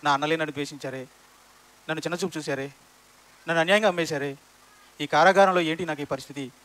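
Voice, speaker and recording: A young prisoner laments his brothers' betrayal, voiced by a male preacher. The voice is high and bright. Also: fast, close to an everyday voice, low-quality recording. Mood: lamenting.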